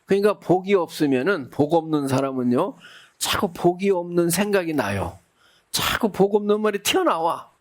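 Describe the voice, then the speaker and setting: A man's voice: sits high, lively intonation, normal speed. A middle-aged man, a Buddhist monk, giving a dharma talk in a folksy storytelling way, acting out the people he quotes.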